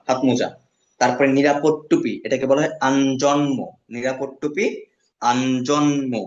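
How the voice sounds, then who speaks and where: A man teaches a beginners' language class at a middle pitch. He says each word carefully, repeats it, and then explains what it means. The recording is roomy and echoey, with a dull, lo-fi tone. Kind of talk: classroom lesson.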